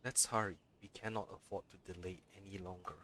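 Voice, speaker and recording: A man's voice: low-pitched, steady tone, brisk, noisy background. A man livestreaming a video game, commenting and reading the dialogue aloud as he plays.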